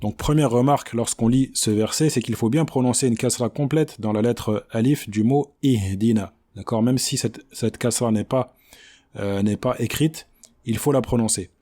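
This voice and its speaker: A man's voice: medium pitch, dark tone. Patient man teaching Quran pronunciation. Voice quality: chants the verse in a slow drawn-out recitation. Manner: patient, repeats "d'accord?", slows to model each word. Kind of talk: tajwid pronunciation lesson.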